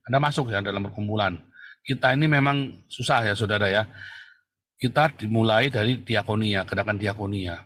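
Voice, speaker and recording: A man's voice: lowish voice, fairly bright tone. Mocking, defiant male livestream host. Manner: mocking and defiant, laughs at opponents; repeats phrases for emphasis, addresses audience as brothers. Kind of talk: combative religious talk show monologue.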